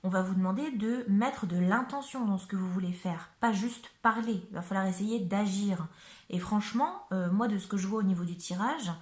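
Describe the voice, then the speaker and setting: A woman's voice: medium pitch, normal speed, darkish tone, roomy sound. A woman giving a casual tarot card reading to camera in a chatty, hesitant way, with lots of fillers and frequent check-ins with her viewers.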